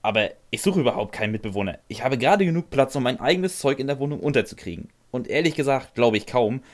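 A man's voice: medium pitch, expressive, quick pace, no room sound. A man narrating a first-person fan audio drama in a dry, sardonic way, answering with hesitant "äh"s.

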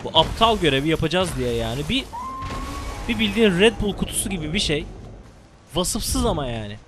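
A young man commenting live on his own gameplay, excitable and swearing, yelling at the game. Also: fairly high pitch, brisk. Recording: game music behind the voice. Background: game music and gunfire.

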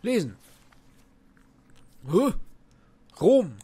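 A man's voice: high voice, big pitch swings, very slow, slightly rough. Jumpy swearing gamer man. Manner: jumpy, swearing, shouting at enemies. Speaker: let's play gamer. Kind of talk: live horror game commentary.

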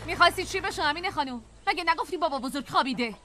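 A woman dubbing a worried, sharp-tongued young village woman who scolds urgently. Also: high voice, lively intonation, music in the background. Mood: angry. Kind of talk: dubbed TV drama.

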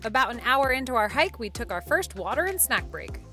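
A woman's voice: a little high, big pitch swings, brisk, sharp tone, soft background music. A woman giving light voice-over narration for a travel vlog, telling the day in a storytelling way.

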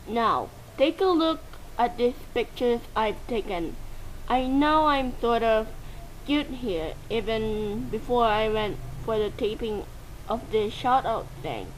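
Fan-dub cartoon boy cat host, played by a woman, slow and chatty, a bit high, faint hiss behind. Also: lively intonation, rough recording. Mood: upbeat. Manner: slow, chatty host reading shout-outs.

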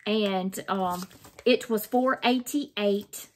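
A middle-aged woman from Mississippi, speaking in a Southern accent at medium pitch with a darkish tone and drawn-out words, casually unboxes her craft purchases for her vlog. Her talk is folksy and meandering, with repetition. The setting is a small, plain indoor room, and the recording picks up room noise and crinkling plastic.

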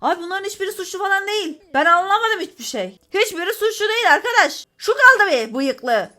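A woman doing let's-play commentary on a game, excitable and often exasperated, talking straight to her viewers. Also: very high voice, a little fast. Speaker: gaming YouTuber.

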